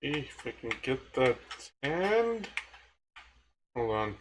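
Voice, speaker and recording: A man's voice: mid-range voice, big pitch swings, extremely slow, slight background noise. Man muttering through a game stream. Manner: muttering to himself while playing. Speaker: gaming streamer. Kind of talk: casual live-stream commentary.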